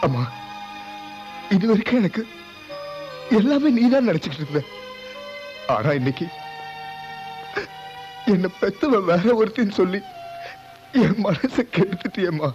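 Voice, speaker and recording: A man's voice: sits high, sing-song, measured pace, long pauses, darkish tone, soft background music. An actor dubbing a film role as a grown son who reproaches his mother. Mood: hurt. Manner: reproachful and emotional. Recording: dull film audio.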